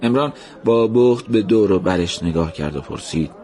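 Low voiced guy telling a story, slow and somber. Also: expressive, a little mellow. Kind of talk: scripted story narration.

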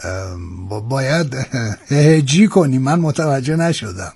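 A man's voice: mid-range voice, expressive, vocal fry, darkish tone, slightly rough, dry recording. A man hosting a radio talk show, courteous and curious with his guest. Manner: courteous, curious, quick to react. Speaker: radio host. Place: radio studio.

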